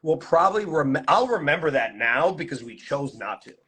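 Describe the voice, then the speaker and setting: A man hosting a casual conversation as a play designer, who is hoarse from losing his voice and talks with enthusiasm, musing in what-if questions. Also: on the high side, big pitch swings, moderate pace, bright, forceful tone.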